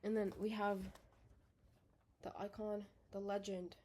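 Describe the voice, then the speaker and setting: A young woman vlogging from her bedroom, a little out of breath, her voice sitting at an ordinary middle pitch for a woman. She rambles loosely and swears in passing. She keeps correcting herself and lets her sentences fade out quietly. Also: little pitch movement, measured pace. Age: young adult. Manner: rambling, self-correcting, swears casually, trails off softly. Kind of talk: casual unedited video diary.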